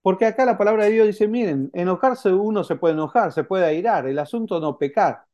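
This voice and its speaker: A man preaching with a Rioplatense Spanish accent, his voice sitting a bit higher than most men's. The tone is mellow and dark rather than bright. He talks to the congregation conversationally and keeps checking in with a quick "eh?". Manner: conversational preaching with frequent "¿eh?" tags and acted quotes. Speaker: pastor. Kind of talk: sermon.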